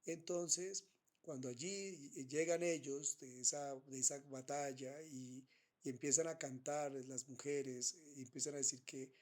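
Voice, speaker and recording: A man giving an unscripted Bible teaching, pausing often with fillers and restarting his phrases. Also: mid-range voice, fairly even intonation, darkish tone. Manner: hesitant, many fillers and restarts.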